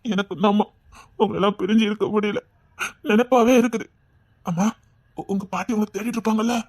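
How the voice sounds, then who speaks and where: A performer with a Tirunelveli accent playing a tender, doting old grandfather in a comedy skit, talking slowly and fondly. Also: medium pitch, fairly even intonation, darkish tone, dry recording, studio quality, close to an everyday voice. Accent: Tirunelveli Tamil. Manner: slow, fond and pleading, breaking into sobs. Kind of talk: skit acting.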